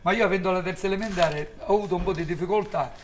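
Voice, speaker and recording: A man with a thick-and-fast Sicilian delivery tells casual stories as an interviewed tour driver. His voice sits fairly high. He speaks colloquially, slipping into dialect. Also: a little hiss or hum. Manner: colloquial, unschooled Italian mixed with dialect. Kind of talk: casual spoken anecdotes.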